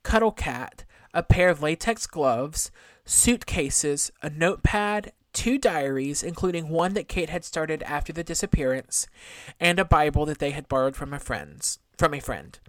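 A woman hosts a podcast, conversationally recounting a true-crime story from her notes, tossing in casual asides and having some trouble with her Rs. Her low voice has lively intonation and an unhurried pace, with no room sound.

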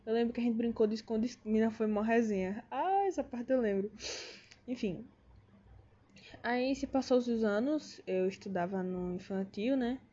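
A woman's voice: on the high side, normal speed, dark tone. A young woman with a Brazilian Portuguese accent, chatting to viewers in a casual, rambling way, full of slang and restarts. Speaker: vlogger. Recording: dull lo-fi sound.

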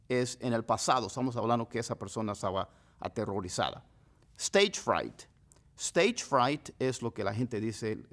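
A man with a mid-range voice and a slightly gravelly edge teaches pronunciation in a relaxed, casual way. His first language is Spanish, and he sounds out each English word slowly, several times over, so that the learner can copy it. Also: medium pitch. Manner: repeats words slowly and clearly, explains in a friendly way.

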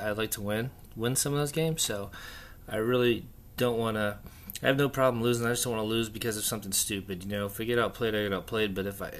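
A man hosting a casual, unscripted solo hobby chat, thinking aloud haltingly in an echoey, stripped-out bunker room. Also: on the low side, fairly bright tone. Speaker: podcast host. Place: echoey indoor room under renovation, torn-out walls.

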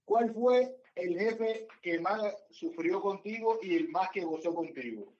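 A man co-hosting a comedy podcast puts casual questions to the guest. He speaks slowly and at an unhurried pace. His voice sits fairly high. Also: lively intonation, a little mellow, dull audio. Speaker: podcast co-host. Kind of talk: casual chat.

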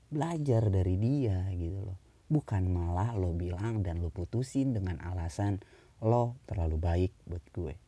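A young man talks through relationship advice in a loose, slangy monologue, his pitch leaping upward when he pushes a point. His voice is low and very dark and mellow. The sound is dry and close, with no room echo. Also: husky. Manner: chatty Jakarta slang, rising pitch when stressing points.

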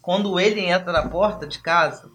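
Lively Brazilian-style podcast storyteller man. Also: high voice, moderate pace, a little hiss or hum. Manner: lively, acts out dialogue. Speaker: podcast host and trainer. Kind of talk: storytelling talk.

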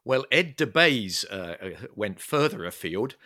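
A man co-hosting a travel podcast, laughing easily and pausing with many ums and uhs. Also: fairly low pitch, very animated, sharp tone. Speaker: podcast co-host. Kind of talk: casual podcast chat.

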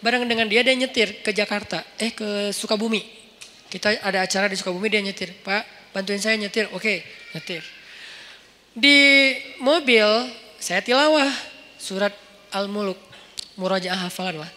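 A man preaching in a casual, storytelling way with a light touch, acting out dialogue with lively shifts of voice in a large mosque hall. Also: high voice, moderate pace, pauses often, slight background noise. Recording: long hall reverb.

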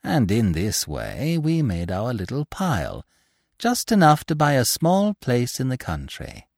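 A man's voice: medium pitch, wildly swooping pitch, a little slow, dry recording, studio quality, voice pushed up, full character voice. A man reading aloud as a vengeful, scheming widow who gloats over her captive and stresses every syllable. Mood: boastful.

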